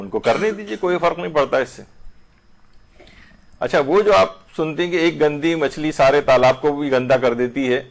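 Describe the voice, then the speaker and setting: A man with a Pakistani Urdu accent teaching a religious lesson, explaining points patiently and reciting short Arabic phrases slowly to show how the vowels change. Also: on the high side. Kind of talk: lecture on Islamic jurisprudence.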